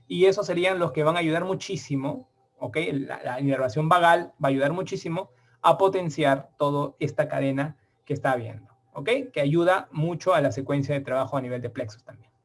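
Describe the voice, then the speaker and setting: Lively man lecturing on surgery. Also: a little high, a little fast. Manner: lively, colloquial, keeps asking ¿ok? and ¿ya?. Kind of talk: medical exam-prep lecture.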